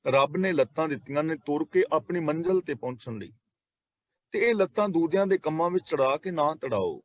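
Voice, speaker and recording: A man explaining scripture as a preacher, reciting verses slowly and deliberately, then explaining them. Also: on the high side, animated, no room sound, muffled recording. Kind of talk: scripture exposition.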